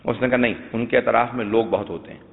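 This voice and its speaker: A man preaching a sermon, telling stories to his listeners and breaking into loud sung recitation of verses. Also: medium pitch, fairly even intonation, gravelly. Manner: addresses listeners as dear ones, tells stories. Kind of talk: Shia majlis sermon with sung poetry. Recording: tinny phone-like sound with long hall echo.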